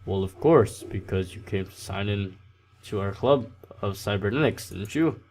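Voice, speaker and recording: A man's voice: fairly low pitch, moderate pace, a little mellow. A man reading the part of an eager, nerdy teenage boy who runs a club, in a near-natural voice. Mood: welcoming.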